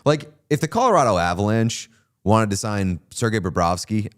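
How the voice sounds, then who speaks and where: Fairly low in pitch and moving at an ordinary pace, another hockey podcast co-host offers loose sports talk. He's lively and opinionated, and his speech is packed with fillers, especially "like."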